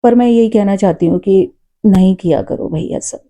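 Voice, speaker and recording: A woman tells a personal story in an earnest, reflective way, often pausing with fillers. Her voice is very dark and mellow. Her pitch sits in a middle range. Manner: says she talks loud and forcefully. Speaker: storyteller vlogger; mother. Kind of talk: casual spoken storytelling.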